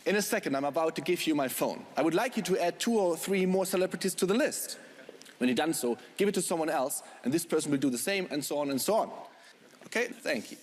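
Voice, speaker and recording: A man's voice: a little high, lively intonation, quick pace. A man performing as a stage magician, giving patter to a theatre audience. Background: music and audience.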